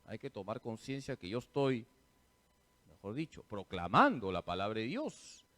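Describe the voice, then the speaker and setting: A man's voice: lowish voice, sing-song, normal speed, sharp tone. A priest giving a parish catechesis talk. He quizzes his listeners and answers himself, repeating the key points like a teacher.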